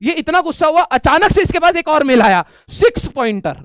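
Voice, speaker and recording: A young man with a strikingly high voice tells a story to his viewers in a casual, animated way. He keeps dropping "ठीक है" between lines. The sound is dry and close, with no room echo. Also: brisk. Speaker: streamer telling a story.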